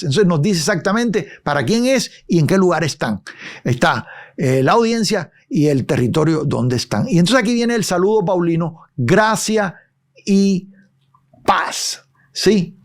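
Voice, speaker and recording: Man, Bible teacher, slightly high pitch, conversational, checks in with listeners. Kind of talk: expository Bible study.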